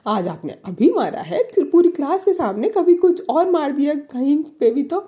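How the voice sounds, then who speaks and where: A woman's voice: high-pitched, very animated, normal speed, warm tone, voice pushed up. A woman voicing an angry young female college student who gives curt, sulky retorts.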